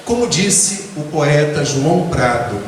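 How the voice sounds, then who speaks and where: A man from the Baixada Fluminense, giving a spiritist lecture full of personal stories in an earnest, measured way. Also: distant mic, a little hiss or hum. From Baixada Fluminense, Rio de Janeiro, Brazil. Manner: earnest, measured storytelling with lively pitch swings. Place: spiritist association lecture hall. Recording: echoey hall recorded from afar.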